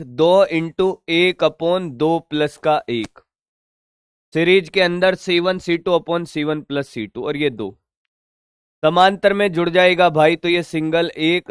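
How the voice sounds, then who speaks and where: A man's voice: fairly high pitch, slow pace, clear, resonant tone, no room sound, clean studio sound. A man teaching a physics lesson in a chatty, teasing way, working through circuit problems and answering his own students' questions. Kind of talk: online physics lesson at a board.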